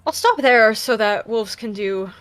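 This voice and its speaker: A woman co-hosting a casual book chat, eager and animated as she recaps the story. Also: a little high, unhurried, soft background music. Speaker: podcast co-host.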